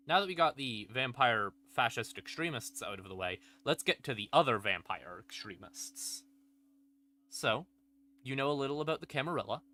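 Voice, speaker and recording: Ambient music sits under the voice of a man with a medium pitch and a sharp tone. He's explaining lore on a stream in an unscripted, casual and irreverent manner, cursing freely.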